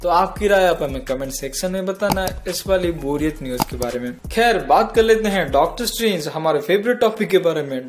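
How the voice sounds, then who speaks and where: A man hosting a casual comic news roundup in speech, chatty and joking, talking straight to his viewers. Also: high-pitched. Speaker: entertainment news host. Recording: faint music behind.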